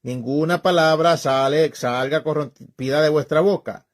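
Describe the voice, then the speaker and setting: A man's voice: a little high, measured pace. A man preaching in a colloquial, emphatic way, scolding his listeners directly and pressing each point with repetition. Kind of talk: informal preaching talk.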